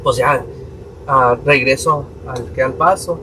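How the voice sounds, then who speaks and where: Storytelling priest, distant noisy mic. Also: male voice, medium pitch, takes it slowly. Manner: lively storyteller acting out his parents' lines. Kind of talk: personal story told in a podcast conversation. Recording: distant mic with steady room noise.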